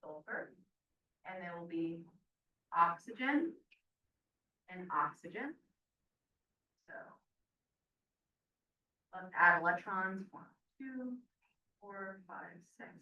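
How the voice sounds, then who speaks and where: A woman's voice: lowish voice, lively intonation, slow pace, pauses often, sharp tone. A woman teaching a chemistry class, explaining step by step in a casual classroom lecture and sometimes counting aloud at the board. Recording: roomy, dull lo-fi classroom recording.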